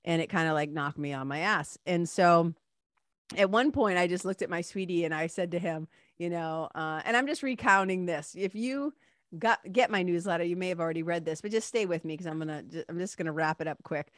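A woman's voice: lowish voice, a little fast, no room sound, studio quality. A woman with a stuffy, congested nose and a nasal sound, hosting a solo podcast in a casual, playful, lightly sweary chatty way. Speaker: podcast host.

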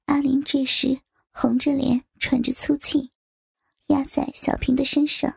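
High, soft-spoken woman narrating a story. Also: flat delivery, a little slow, creaky, dry recording.

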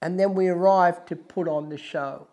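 An Australian man presenting as a wildlife host, telling adventure stories in a deliberate, emphatic, dramatic way, with music behind him. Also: high-pitched, steady tone, darkish tone.

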